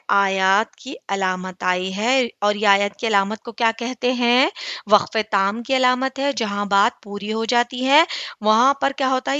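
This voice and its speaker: A woman's voice: fairly high pitch, sharp tone, no echo, dull audio. Patient woman teaching Quran recitation. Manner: patient, asks the class questions and answers them herself; draws out recited words very slowly and evenly. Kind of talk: online tajweed lesson.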